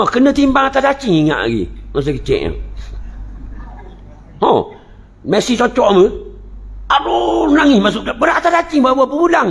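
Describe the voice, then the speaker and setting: Lively high-voiced Malay preacher with Terengganu accent. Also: male voice, creaky. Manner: joking, storytelling, playful dialect asides. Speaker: religious teacher. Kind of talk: humorous religious lecture.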